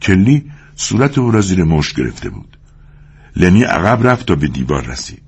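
A man reads a story aloud with expressive, dramatic narration. His voice sits very low and has a husky grain. His intonation swings widely.

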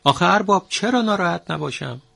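A man voicing a weary middle-aged head well-digger who pleads with his master in a raised, husky voice. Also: high-pitched, animated, a bit bright, no room sound, pitched above the performer's own voice, heavily acted. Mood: exasperated.

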